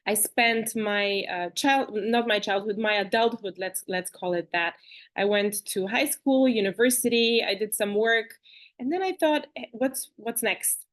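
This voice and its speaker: A woman from Bulgaria, a guest in an interview, talking in an animated, chatty way with fillers and restarts over a video call. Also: mid-range voice, measured pace. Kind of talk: conversational interview.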